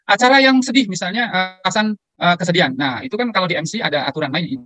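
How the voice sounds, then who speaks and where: A man speaks very quickly and a little high for a man as he explains protocol rules over a video call. He keeps circling back to repeat his main points. The sound is dry and close, with no room around it. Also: bright, forceful tone, dry recording. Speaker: protocol trainer answering questions. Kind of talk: online Q&A explanation.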